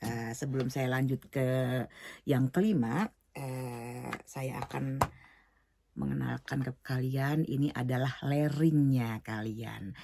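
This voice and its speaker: This middle-aged woman gives an online singing lesson, explaining things slowly with lots of fillers and English words mixed in. Her voice is extremely low, steady and gravelly, with noise in the background.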